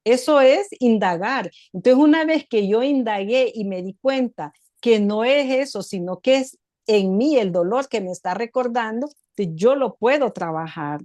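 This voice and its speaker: Higher-voiced woman teaching about emotions. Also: animated, normal speed, a little mellow, no room sound. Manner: explanatory, asks and answers own questions. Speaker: host. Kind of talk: reflective talk on emotional growth.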